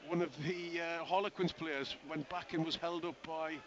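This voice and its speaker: A man giving live play-by-play radio commentary on a rugby match, with rapid running calls and chatty asides to his co-commentator. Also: fairly high pitch, flat delivery. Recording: lo-fi broadcast with outdoor crowd noise.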